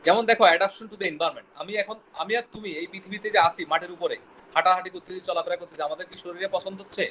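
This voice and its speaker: A man lectures a biology class at a quick clip in a high voice, often quizzing his students and stumbling over technical words. Faint room ambience sits behind him. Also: steady tone, bright, forceful tone, slight background noise, poor audio. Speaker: biology teacher.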